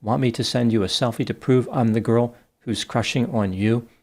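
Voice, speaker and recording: A man reading out the messages of a flirty female AI chatbot, slowly and plainly. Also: medium pitch, steady tone, darkish tone, lightly acted. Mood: gushing.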